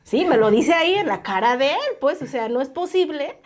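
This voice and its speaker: A woman's voice: sits high, expressive, a little fast. Woman, earnest, filler-heavy, tag questions, podcast guest. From Oaxaca coast, Mexico. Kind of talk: casual interview conversation.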